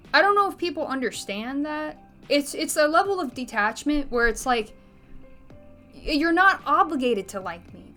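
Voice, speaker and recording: A woman's voice: fairly high pitch, fairly bright tone. Rambling, candid woman vlogger. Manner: rambling, frequent filler words and restarts, candid and blunt with swearing. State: out of breath. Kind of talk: casual rambling vlog. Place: bedroom.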